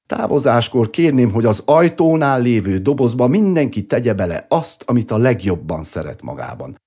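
A man voicing a smooth-talking male traveling showman and swindler, with coaxing, theatrical salesman patter, in a storybook reading. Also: mid-range voice, big pitch swings, dark tone, voice pushed up.

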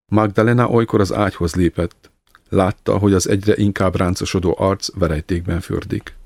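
Mély, recsegő hangú férfi mesélő. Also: male voice, low voice, vocal fry, no room sound. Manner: calm, measured reading. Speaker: narrator. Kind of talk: scripted narration of a literary story.

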